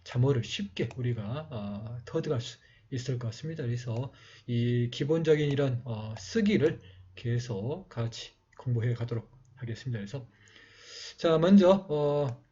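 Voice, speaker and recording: Halting, husky-voiced man teaching writing. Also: mid-range voice, mellow. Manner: slow, halting explanation with many fillers. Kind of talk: calligraphy writing lesson. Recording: dull lo-fi recording.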